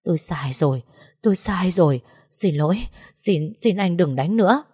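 A woman voicing an arrogant, bullying young master who shouts threats and stammers when beaten. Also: fairly low pitch, lively intonation, a little fast, husky, no room sound, clean studio sound. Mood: cowering.

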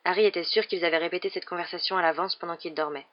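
A woman narrating an audiobook in a measured storytelling manner. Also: lowish voice, steady tone, no room sound, lo-fi sound. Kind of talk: scripted narration.

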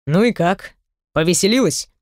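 A woman voicing a gruff, weary young man in an audiobook, speaking low and terse. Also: expressive, moderate pace, no echo, studio quality, close to an everyday voice.

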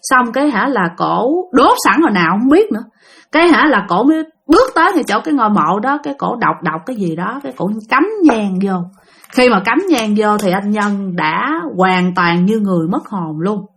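A woman with a Southern Vietnamese accent narrating a ghost story, talking lively and addressing her listeners directly. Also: mid-range voice, normal speed.

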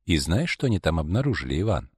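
A man voicing a cold, hushed fortune-teller woman. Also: low voice, sing-song, slightly rough, no room sound, studio quality, exaggerated voice. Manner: quiet, slow, ominous. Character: cold secretive grown woman fortune-teller, small, reclusive.

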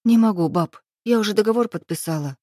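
Anxious young woman near tears, high and strained, as the reader puts her on; dry close sound. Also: fast, dark tone, no room sound, lightly acted.

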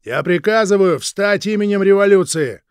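A man's voice: medium pitch, a little mellow, no echo, studio quality, natural voice. A man doing a sneering, barking revolutionary guard. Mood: commanding. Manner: sneering, commanding, drawn-out menace. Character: harsh cruel male revolutionary guard.

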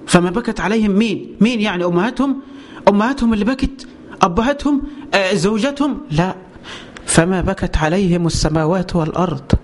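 A man with an Egyptian Arabic accent preaching a religious lesson, firing rhetorical questions and answering them himself with passion. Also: high voice.

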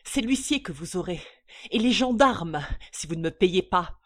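Une lectrice faisant un père bourgeois colérique. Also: female voice, lowish voice, expressive, measured pace, no echo, clean studio sound. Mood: furious. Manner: blustering, loud outbursts. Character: greedy bullying bourgeois father, hot-tempered older man.

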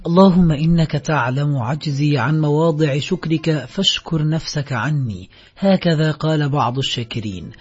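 A man with a husky voice voicing a calm, withdrawn old male Sufi sheikh who speaks gently and sparingly in a storybook reading. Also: on the high side, normal speed. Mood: serene. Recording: slightly dull recording, faint music.

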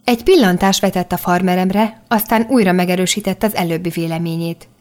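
A woman narrating a children's novel in the first person, telling it evenly and clearly. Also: fairly low pitch. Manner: even, clearly articulated storytelling. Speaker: audiobook narrator.

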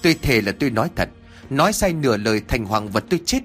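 A man's voice: medium pitch, expressive, quick pace, fairly bright tone, soft background music, lightly acted. A man voicing a frightened village man who pleads his innocence in tears. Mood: tearful. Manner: pleading, tearful. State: crying.

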